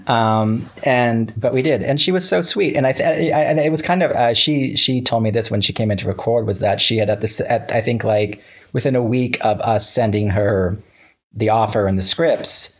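A man with a medium-pitched voice talks at a normal pace as a casual interview guest. He's a writer who speaks in stops and starts, with hesitant false starts, and he chattily acts out bits of past conversations by quoting himself.

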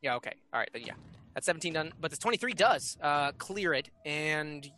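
A man narrating as game master, talking in halting bursts with many fillers and restarts. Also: fairly high pitch, expressive, bright, forceful tone, slight background noise.

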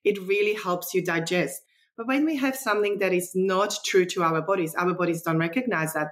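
A nutritionist guest from the former Czechoslovakia tells stories in a chatty, enthusiastic way, using non-native phrasing. She speaks fairly quickly in a fairly low-pitched voice, keeping the storytelling casual and conversational.

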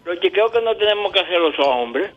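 Hesitant caller on a dull line. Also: male voice, sits high, lively intonation, over loud music. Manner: halting, hesitant. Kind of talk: phone-in chat.

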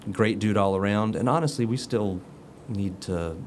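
Low-voiced joking male host. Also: normal speed, a little hiss or hum. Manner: joking, rambling with fillers. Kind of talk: casual chat.

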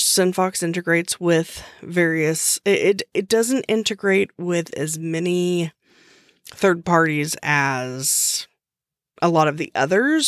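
A woman's voice: on the low side, dry recording, studio quality. A woman hosting her own podcast, explaining a tool in a chatty, unscripted way with frequent restarts. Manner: chatty, restarts often, uses fillers. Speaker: podcast host. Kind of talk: casual solo podcast explainer.

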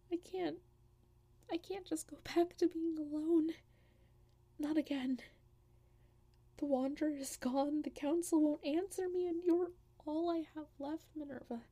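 An anguished guardian of realities , played by a woman, pleads and stammers through a one-voice audio drama. The voice sits high yet soft and mellow, often sinking into hushed whispers. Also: a little slow, long pauses. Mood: pleading, broken. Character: anguished guardian who returns lost people home.

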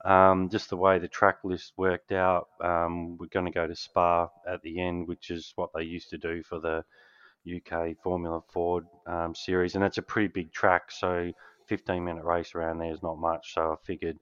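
A man's voice: low-pitched, little pitch movement, moderate pace, fairly bright tone, clear, resonant tone, no room sound. An Australian man chatting casually and colloquially as a laid-back guest organiser on a racing podcast. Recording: muffled, lo-fi voice channel.

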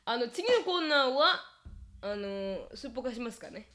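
A woman's voice: on the high side, big pitch swings, moderate pace, fairly bright tone. A woman co-hosting a podcast in casual chat, polite and attentive, with frequent backchannel replies. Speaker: podcast co-host.

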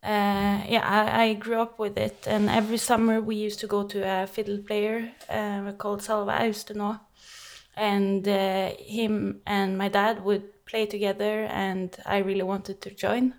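Woman, young adult, Norwegian accent, native Norwegian speaker, interview guest, flat even intonation, cheerful, frequent laughs, halting with fillers. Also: medium pitch. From Norway. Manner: cheerful, laughs often, many pauses and fillers. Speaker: guest musician. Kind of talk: casual interview talk.

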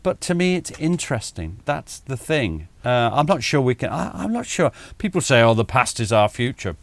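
A middle-aged man, a military historian talking as a guest over a video call, animated and self-deprecating, chuckling often and restarting his sentences. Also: mid-range voice, moderate pace, vocal fry, dry recording.

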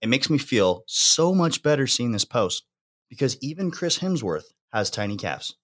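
A man's voice: medium pitch, very animated, normal speed, fairly bright tone. A young man hosting a fitness podcast in casual, slangy chat, laughing often. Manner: laid-back, laughing, slangy.

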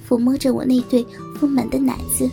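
A woman telling a first-person story in calm, steady narration. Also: sits high, a little fast, gravelly, faint music behind.

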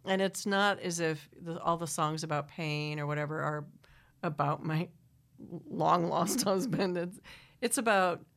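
A middle-aged woman from Wisconsin with a Wisconsin accent talks into a studio microphone in a slightly low voice. She rambles through long, self-interrupting answers and laughs easily between thoughts. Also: measured pace. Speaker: singer-songwriter guest. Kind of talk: casual interview chat.

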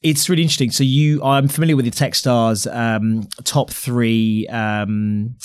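A man's voice: medium pitch, steady tone, a little slow, smooth. A man hosting a podcast interview, chatty and enthusiastic, agreeing often and laying out his own theories. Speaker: podcast host.

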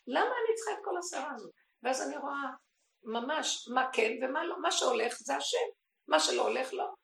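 A woman giving an impassioned religious teaching, swinging from hushed, intimate tones to crying out. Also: high voice, gravelly, a little hiss or hum. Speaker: spiritual teacher. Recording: echoey room recording.

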